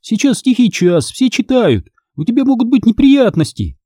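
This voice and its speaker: A man reading aloud, voicing a sensible schoolgirl who gives hushed warnings and advice. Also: extremely high pitch, big pitch swings, moderate pace, no room sound, studio quality, pitched above the performer's own voice, exaggerated voice. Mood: cautious. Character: sensible schoolgirl, hushing and advising.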